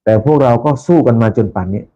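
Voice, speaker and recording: A man hosting a casual live stream for his followers, talking politely and repeating himself, with soft polite particles at the ends of his phrases. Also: mid-range voice, fast. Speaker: channel host. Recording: dull lo-fi sound with faint background noise.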